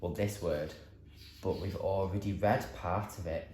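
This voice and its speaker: A man teaching a phonics lesson to young children, in a sing-song, encouraging way with drawn-out, exaggerated sounds. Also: low voice, steady tone, darkish tone, echoey room, slight background noise. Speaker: primary school teacher.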